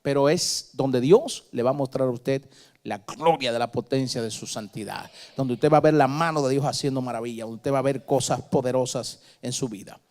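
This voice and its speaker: A male preacher telling stories emphatically in a sermon, swinging between soft and loud. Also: medium pitch, moderate pace.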